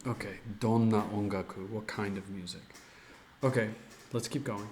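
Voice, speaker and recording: A man practising Japanese as a learner, thinking aloud and speaking haltingly when he tries the language. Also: on the low side, fairly even intonation, darkish tone.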